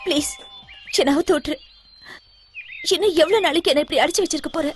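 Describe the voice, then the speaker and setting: A woman's voice: high voice, quick pace, lightly acted. An actress playing a kidnapped young wife who pleads and defies her captor in a TV serial, with music behind. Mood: pleading. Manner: pleading, defiant.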